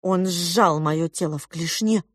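A woman narrating a fantasy audiobook in an unhurried, expressive storytelling manner. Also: on the low side, slightly rough, no room sound, clean studio sound. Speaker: audiobook reader.

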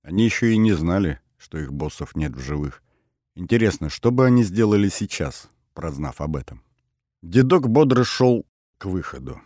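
A man with a very low, dark voice reads a first-person adventure audiobook. His delivery stays even and matter-of-fact. The recording is dry and close. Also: moderate pace, no room sound. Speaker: audiobook narrator.

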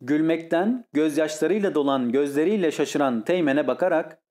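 A man narrating a classic short story as an audiobook in a steady storytelling delivery. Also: on the high side, normal speed. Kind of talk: scripted literary narration.

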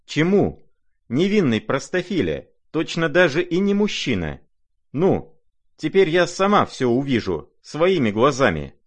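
A man voicing an irate, imperious older noblewoman who scolds in shrill, impatient outbursts. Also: sing-song, a little slow. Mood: scolding.

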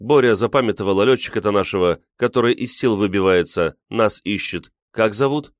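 A man reading an audiobook, voicing a sharp-tongued, bitter young woman who mocks her friends. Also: on the low side, fairly quick, no echo, clean studio sound, voice pushed up, natural voice. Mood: mocking. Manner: mocking, biting.

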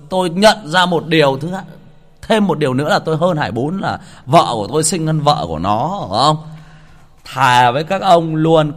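A man telling a story in a casual, chatty first-person way, stumbling over and repeating words as he talks straight to his listeners. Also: mid-range voice. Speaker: storyteller host.

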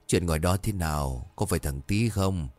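A wise old grandmother who speaks gently and reassuringly, voiced by a man. Her voice sits low and dry, with faint music behind. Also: normal speed, dry recording. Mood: soothing.

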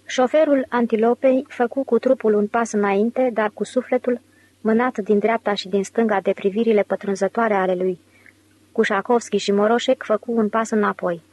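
A woman narrating an audiobook in a measured, clear reading voice. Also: mid-range voice, fairly even intonation, darkish tone. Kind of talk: scripted narration.

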